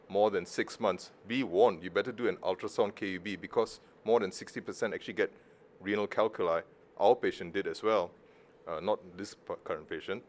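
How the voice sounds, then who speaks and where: A middle-aged man from Malaysia, a surgeon giving a conference talk in a casual, joking way with self-deprecating asides. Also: lowish voice. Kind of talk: conference presentation.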